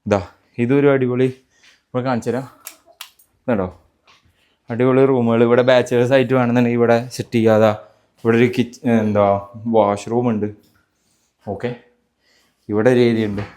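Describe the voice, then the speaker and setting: A man's voice: medium pitch, level tone, moderate pace, long pauses, a little mellow, smooth, no room sound. A man with a Malayali accent giving a casual, chatty walking-tour vlog, mixing English words into Malayalam as he talks to viewers and companions. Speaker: vlog host.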